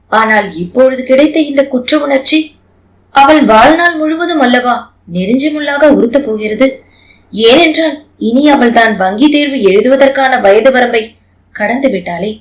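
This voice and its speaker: உயர்ந்த சுருதியுடைய ஒரு பெண், ஆடியோ நாவலை அளவான, உணர்வுமிக்க கதைசொல்லும் பாணியில் வாசிக்கிறார். அவர் குரல் தெளிவாகவும் நிதானமாகவும் கதையை நகர்த்துகிறது. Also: female voice, high-pitched, rough recording. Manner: measured, expressive storytelling. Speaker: audiobook narrator. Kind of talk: scripted audiobook narration.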